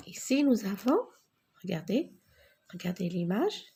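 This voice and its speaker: A woman's voice: medium pitch, sing-song, measured pace, warm tone, breathy edge. A woman teaching a reading lesson, spelling out letters and syllables one by one and asking her pupils to repeat after her.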